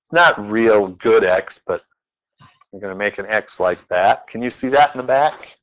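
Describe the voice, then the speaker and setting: A man's voice: fairly low pitch, animated, normal speed. Playful male math teacher, lo-fi. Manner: playful, quizzing the class as he works problems. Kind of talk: classroom lecture. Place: classroom.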